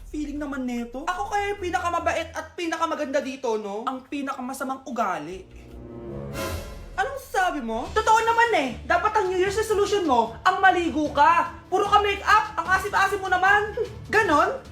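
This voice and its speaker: Very high-voiced woman in comedy skits. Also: animated, normal speed, pauses often, pushed and bright. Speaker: comedy skit creator. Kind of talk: comedy skit acting. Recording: echoey room with faint music.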